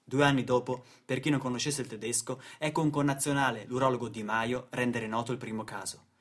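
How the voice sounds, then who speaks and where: Solemn and theatrical, a male narrator and stage actor performs scripted radio drama in short, weighted phrases. His mid-range voice keeps fairly even intonation and moves a little fast.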